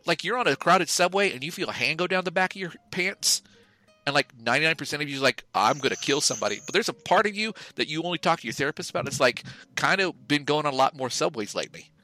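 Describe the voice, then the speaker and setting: A man co-hosting a podcast, talking in a casual, animated rant that is full of swearing. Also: a little high, quick pace, no echo, soft background music. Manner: animated, profane ranting. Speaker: podcast co-host.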